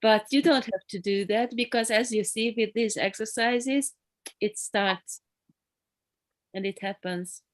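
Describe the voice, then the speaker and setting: A woman qigong teacher leading an online group class over a video call, explaining calmly with soft encouraging murmurs. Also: a little high, measured pace, dry recording.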